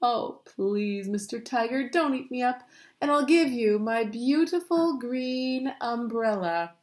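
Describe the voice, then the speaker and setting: Woman voicing a high-pitched, plaintive little boy. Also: expressive, takes it slowly, reverberant. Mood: pleading. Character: small, timid, pleading but clever little boy.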